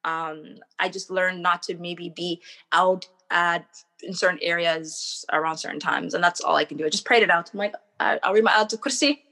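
A young woman chatting as an interview guest, telling animated stories and acting out what people said. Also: on the low side, moderate pace. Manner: animated storyteller, acts out quotes. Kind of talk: casual interview chat.

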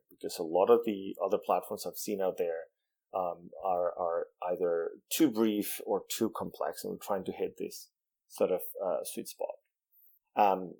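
A Venezuelan game developer whose first language is Spanish explains his project in a casual interview. He's thoughtful, with many restarts and fillers, and speaks in a deep, warm, creaky voice.

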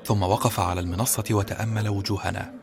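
Brief: male narrator, steady measured audiobook read, fairly low voice, faint music bed. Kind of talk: scripted first-person audiobook narration.

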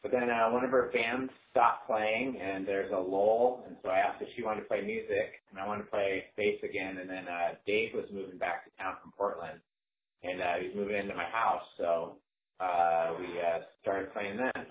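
Man over the phone, low voice, rambling with fillers, tinny echoey line. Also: steady tone, normal speed. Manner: rambling, hesitant, many fillers. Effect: heard over the phone. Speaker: band bassist and singer, interview guest. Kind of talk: casual phone interview.

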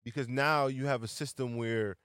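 A man in his late twenties in a casual chat, blunt and slangy, quick to agree. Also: mid-range voice, steady tone, fairly bright tone, smooth, no room sound, studio quality. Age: late 20s.

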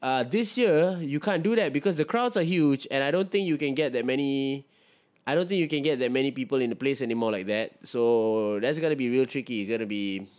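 A Singaporean man chatting casually as a co-host, in an animated, slangy way peppered with "bro", "man" and "lah". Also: mid-range voice, brisk, smooth. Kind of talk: casual chat.

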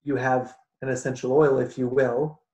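A man's voice: medium pitch, little pitch movement, moderate pace, darkish tone. A Canadian man from Canada, a podcast guest talking in casual interview chat, restarting sentences and laughing often. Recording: roomy echo.

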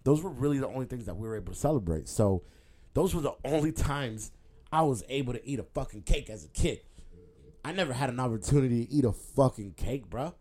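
A man's voice: mid-range voice, lively intonation, brisk, darkish tone. A man who is a comedian, talking loosely on his podcast with lots of fillers and swearing. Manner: rambling, loose, heavy filler and profanity. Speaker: stand-up comedian and podcast host. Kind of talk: casual podcast monologue.

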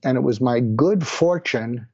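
An older man recounts his own past in an earnest, reflective way. His voice is dark and mellow. The recording is dry and sounds dull, with little room around it. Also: medium pitch, lively intonation, measured pace, no echo. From Boston area, USA. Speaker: guest, physician. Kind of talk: personal storytelling in an interview.

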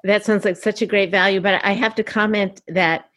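A woman's voice: mid-range voice, fairly even intonation, normal speed, a bit bright, no echo. A woman hosting an interview, chatty and encouraging toward her guest. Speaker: podcast host. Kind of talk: casual interview chat.

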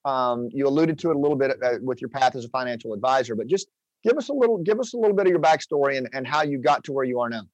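A man's voice: mid-range voice, expressive, rapid-fire, darkish tone, dry recording, highs cut off. Guy hosting a podcast, chatty and eager, lots of restarts, dead dry close mic. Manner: enthusiastic, rambling with restarts. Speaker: podcast host. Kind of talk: casual interview chat.

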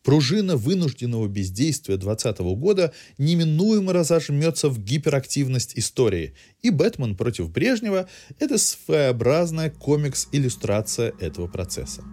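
A podcast host reads a scripted cultural review aloud, narrating the news in an articulate, literary style. His mellow, medium-pitched voice swings widely in pitch at a normal speed.

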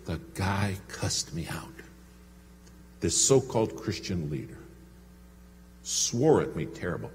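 Low-voiced preacher with a drawl. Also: male voice, expressive, slow, long pauses, darkish tone. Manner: storytelling with congregation asides. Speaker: pastor. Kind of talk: sermon. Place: church sanctuary. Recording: long hall reverb with faint hum.

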